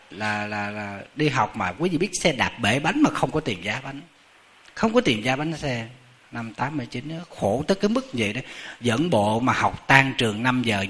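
Middle-aged Southern Vietnamese monk, bright voice, lively anecdotal sermon style. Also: male voice, medium pitch. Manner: animated, chatty, addresses the audience often. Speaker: Buddhist monk. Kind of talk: storytelling sermon.

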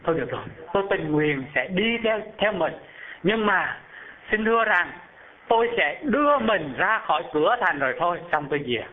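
A man's voice: sits high, very animated, moderate pace. Man playing a hedging third wife. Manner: hesitant, hedging. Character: wavering third wife offering half-help. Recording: phone-like narrow band.

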